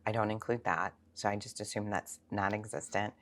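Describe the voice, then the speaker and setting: A sixty-year-old woman, a financial planner, gives conversational interview answers, explaining things informally with examples and rhetorical questions. Her voice is extremely low in pitch, level in tone, and a little fast.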